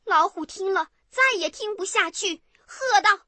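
A woman narrating a bedtime story for children in an expressive, animated way. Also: very high voice, unhurried, no room sound.

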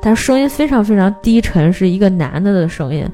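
Lively woman, retelling a plot. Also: medium pitch, a little fast, faint music behind. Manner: animated storyteller, acts out characters' lines. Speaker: film podcast host. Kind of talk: casual retelling of a film plot.

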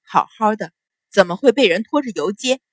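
A woman's voice: mid-range voice, lively intonation, moderate pace, dry recording, clean studio sound, close to an everyday voice. A woman voicing a resentful, scheming middle-aged stepmother in a noble house, speaking coldly and bitingly. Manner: cold, biting.

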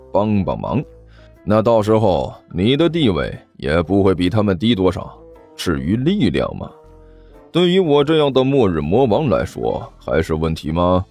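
A man's voice: low voice, a little mellow, voice pushed down. A man voicing a lazy, boastful male demon king who talks down to his servant. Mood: smug. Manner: drawling, dismissive.

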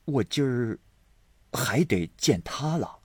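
A man voicing a humble elderly country grandmother in a spoken storybook, earthy and deferential, with a raised, lively voice. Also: mid-range voice, slow pace, slightly rough, dry recording, studio quality, pitched above the performer's own voice. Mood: surprised.

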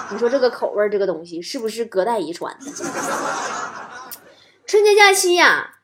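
A woman talk show host, doing an animated stand-up comedy monologue with playful punchlines. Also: a little high.

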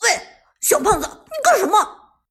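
A woman doing a brash, loud young man. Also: very high voice, very animated, a little slow, voice pushed up, exaggerated voice. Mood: indignant. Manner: loud, indignant, whiny. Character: brash cheeky young man, quick-tempered.

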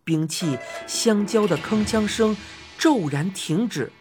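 A woman narrating a children's fantasy story as an audiobook, expressive and rising to cries in excited passages. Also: medium pitch, takes it slowly, music in the background.

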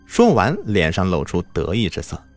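A man telling a spoken folk tale, narrating in an expressive, dramatic way. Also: deep voice, normal speed, soft background music. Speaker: storyteller.

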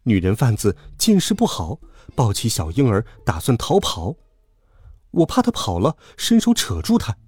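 A man narrating a children's story with a voice that rises and falls in a very animated way. His tone is mellow and a little husky. The recording is dry and close, with light music underneath. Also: mid-range voice, moderate pace, no echo. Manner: lively, animated.

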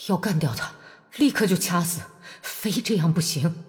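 A woman's voice: lowish voice, sing-song, moderate pace, slightly rough, faint music behind. A woman reading an audiobook voices a strong young Cossack man who speaks in a tense, pressing way. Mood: grim thought.

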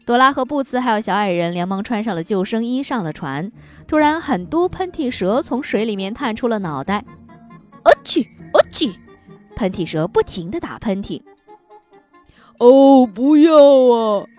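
A woman storyteller reading a picture book aloud for children in an animated, sing-song manner. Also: mid-range voice, fairly quick, soft background music.

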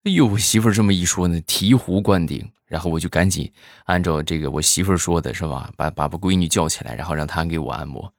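Comedian, male, low voice, dry close mic, lively storyteller. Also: fast talker, no room sound. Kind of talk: stand-up joke telling.

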